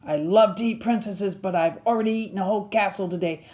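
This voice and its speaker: A woman's voice: mid-range voice, fast talker, warm tone, lightly acted. A woman voicing a boastful, busy male dragon in a storybook, pompous and emphatic. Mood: haughty, dismissive.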